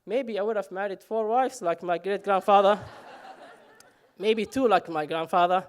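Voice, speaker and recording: A man tells his own story on stage in a fairly high voice. He jokes at himself and often stops on "uh". The talk stays loose and unscripted. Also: measured pace, clean tone. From Somalia. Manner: humorous, self-mocking, frequent "uh" fillers. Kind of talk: live personal storytelling on stage.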